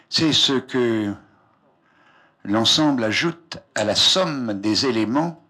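An older man with a medium-pitched, sharp, husky voice lectures from a raised platform in a lecture hall. He's a scientist speaking to the public in a casual, roaming style, often dropping phrases halfway, and the recording comes from an old archive tape.

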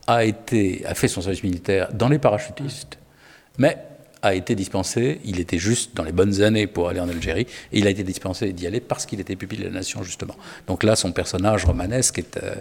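A man's voice: low voice, fairly quick, darkish tone, big-room sound. A man talking about literature as an editor, hesitant, with many fillers and restarts. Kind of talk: spoken literary discussion.

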